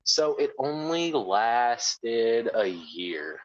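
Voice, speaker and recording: A man co-hosting a casual podcast, laid-back, reading haltingly from a web page. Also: medium pitch, big pitch swings, dull audio. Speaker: podcast co-host.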